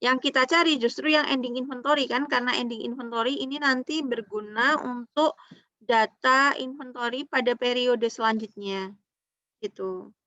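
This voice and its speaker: A woman lecturer teaches an online accounting class in a fairly bright, high-side voice, patiently walking through each step and checking whether students understand. She tags her lines with "ya" and "gitu," and the dry recording has dull lo-fi online call audio.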